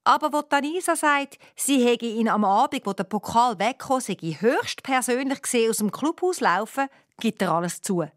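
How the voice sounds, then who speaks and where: A woman with a Swiss German accent narrating a children's story in a lively way, acting out the characters. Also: a little high, moderate pace, no room sound, clean studio sound.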